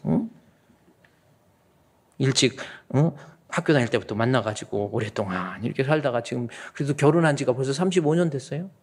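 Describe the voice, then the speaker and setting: A man in his fifties, a senior pastor, preaching a lively, folksy sermon and acting out quoted voices now and then. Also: mid-range voice, fairly quick, breathy edge.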